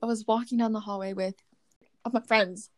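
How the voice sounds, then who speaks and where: A woman's voice: medium pitch, steady tone, brisk, no room sound. A teenage girl in casual chat, giggly and playful, telling a school story. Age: teens. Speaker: friend.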